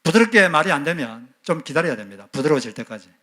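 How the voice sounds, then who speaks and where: Male pastor, sermon delivery, slightly high-pitched, questions put to the congregation. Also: very animated, fast, sharp tone. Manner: asks the congregation questions and acts out quoted scolding.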